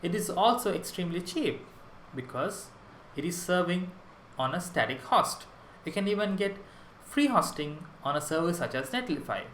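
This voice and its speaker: A man's voice: high-pitched, animated, normal speed, fairly bright tone, reverberant, a little hiss or hum, poor audio. A young man from Sri Lanka giving a prerecorded conference talk on web development, enthusiastic and explanatory, with small restarts.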